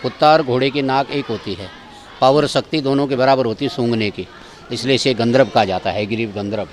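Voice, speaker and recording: A man's voice: mid-range voice, brisk, a little hiss or hum. Man guiding a tour outdoors. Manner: directive, keeps pointing things out. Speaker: tour guide. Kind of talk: guided tour talk. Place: outdoor temple grounds.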